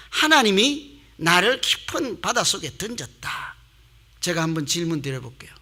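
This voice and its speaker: A man preaching a Sunday sermon as pastor, animated, acting out quotes and swinging between loud calls and soft asides. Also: on the high side. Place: church sanctuary.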